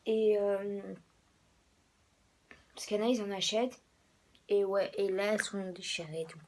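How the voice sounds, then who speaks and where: Young female vlogger, hoarse from a cold, loose rambling delivery with frequent whispered asides, light noise floor. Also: medium pitch, steady tone, moderate pace, a little mellow. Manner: rambling, many fillers, drops to whispers. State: hoarse, a bit sick. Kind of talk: casual sneaker show-and-tell.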